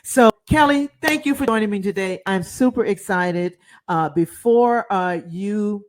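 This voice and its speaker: A woman's voice: medium pitch, measured pace. A woman hosting a podcast interview, chatty and rambling, upbeat and laughing easily. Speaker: podcast host. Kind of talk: casual interview chat.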